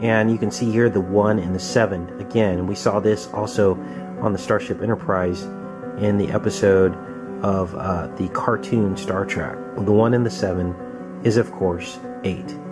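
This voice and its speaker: A man hosting conspiracy videos narrates earnestly over film clips, explaining things and addressing his listeners directly. His lowish voice is steady and moderately paced, and loud music plays behind him.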